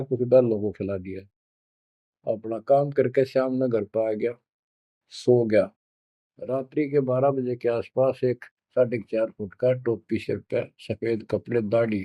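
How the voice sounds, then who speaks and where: Earnest male preacher, slow sermon storytelling, dry slightly muffled audio. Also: mid-range voice, dry recording. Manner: earnest, addresses listeners as children.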